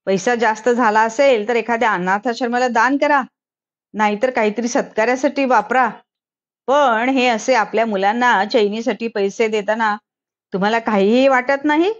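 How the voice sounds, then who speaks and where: A woman's voice: fairly high pitch, normal speed, pitched above the performer's own voice, close to an everyday voice. A stern police inspector in a storybook reading, reproachful and lecturing, as a woman reader puts him on. The recording is slightly dull and muffled. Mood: scolding.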